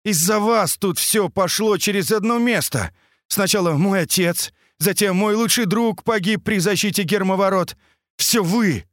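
A man's voice: sits high, unhurried, a bit bright, dry recording, studio quality, pitched above the performer's own voice. A man voicing a resentful young male guide who blames the others. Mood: bitter.

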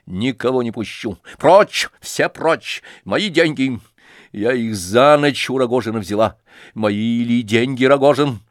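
A man's voice: medium pitch, moderate pace, no echo, natural voice. A man reads a proud, reckless young woman in a storybook telling, imperious and mocking. Her voice sits in a middle register and snaps into commands. The recording is dry, with no room sound. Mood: scornful. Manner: imperious, mocking, flaring into shouts. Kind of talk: audiobook character reading.

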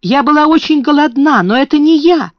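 A woman's voice: expressive, fairly quick, dry recording. Woman doing a sobbing young servant girl. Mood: tearful. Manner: high, tearful pleading. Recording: dull lo-fi recording.

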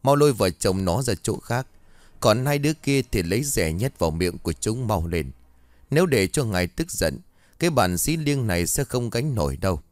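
A man's voice: lowish voice, lively intonation, normal speed, no room sound, lightly acted. A man voicing a stern, menacing village shaman in his sixties who speaks in a harsh, commanding tone.

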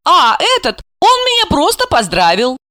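A woman voicing a naive, excitable young housewife in an audiobook, with childlike delight. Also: high voice, normal speed, no echo, studio quality, pitched above the performer's own voice, exaggerated voice. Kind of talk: audiobook character reading.

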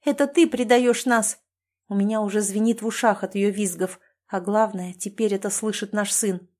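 Female audiobook narrator, steady reading, mid pitch. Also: fairly quick. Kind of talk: first-person audiobook narration.

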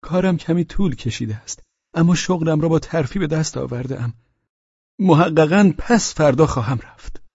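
A man's voice: animated, gravelly, darkish tone, breathy edge, dry recording, lo-fi sound, heavily acted. A man putting on a fussy, fawning fellow. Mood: eager. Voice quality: high, strained, halting with hesitations.

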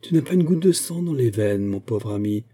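A man's voice: medium pitch, moderate pace, breathy edge. A man voicing a group of brash young male officers who taunt and press their friend. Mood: mocking. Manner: brash and excited. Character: hot-headed young male officers, mocking then furious.

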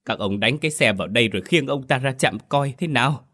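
A man's voice: medium pitch, lively intonation, fast talker, bright, forceful tone, voice pushed up. A man doing a worried village neighbor. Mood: urgent.

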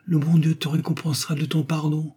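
Male reader voicing a frail old woman on her deathbed, breathless, half-whispered, pitched up. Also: flat delivery, dark tone, breathy edge. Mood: pleading. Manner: breathless, halting pleas, dropping to whispers.

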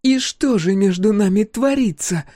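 A woman's voice: a little high, moderate pace, dark tone, no echo, clean studio sound, pitched above the performer's own voice, natural voice. A man voicing a fierce, bitter young woman scientist whose voice breaks in anger. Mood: accusing. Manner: cutting, angry, voice breaking.

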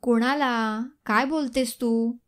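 A woman's voice: fairly high pitch, fairly even intonation, takes it slowly. A woman voicing a kind mother-in-law comforting a crying young woman. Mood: soothing. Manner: soothing.

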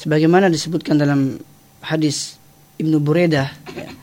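A man's voice: fairly high pitch, steady tone, moderate pace, darkish tone, a little hiss or hum. A man giving a didactic religious explanation on the radio, punctuating phrases with short checking tags. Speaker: Islamic teacher, studio guest.

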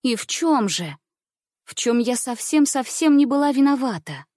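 A woman narrating an audiobook with expressive storytelling. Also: sits high, normal speed, no echo, clean studio sound.

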